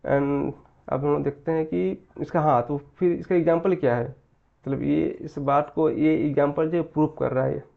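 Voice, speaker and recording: A man teaching a physics lesson in mixed Hindi and English, repeating key phrases slowly and answering his own questions. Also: fairly high pitch, steady tone, vocal fry, narrow, tinny audio. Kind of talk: Hindi-English mixed exam-prep lecture.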